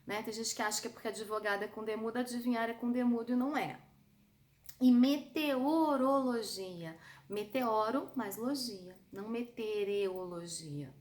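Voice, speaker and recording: A woman with a Brazilian Portuguese accent teaching an online spelling lesson, lively and chatty, calling her students "amor". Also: fairly high pitch, quick pace, hardly any pauses, echoey room.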